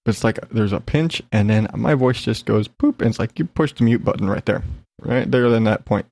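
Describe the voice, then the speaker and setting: Speaking fairly quickly, the solo podcast host rambles through a casual personal update, blunt and profane, still a bit congested from an illness. His voice is fairly low and a little mellow, with vocal fry, and there's no room sound.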